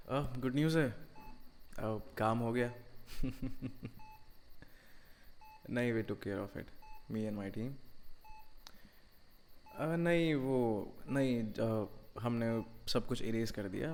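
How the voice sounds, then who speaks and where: A man playing a slow, menacing loyal bodyguard. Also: mid-range voice, a little hiss or hum. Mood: reassuring. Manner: cold and taunting toward the captive, soft and reassuring with her. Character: loyal, ruthless male bodyguard, tender with his client. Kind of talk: audio role-play drama.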